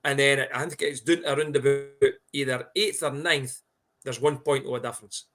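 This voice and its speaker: A man's voice: mid-range voice, moderate pace. A middle-aged man with a broad Scottish accent, chatting casually about sport as a podcast co-host in a blunt, sweary, colloquial way.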